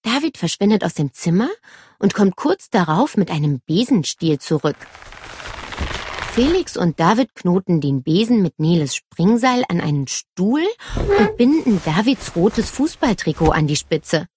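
A woman reading a children's story aloud as its narrator, slow and expressive. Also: lowish voice, a little hiss or hum.

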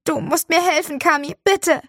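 Teen boy hamming up an injury, shrill and loud, read by a woman. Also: moderate pace, dry recording, clean studio sound. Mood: pleading. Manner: loud, exaggerated wailing. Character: teenage boy faking pain, dramatic.

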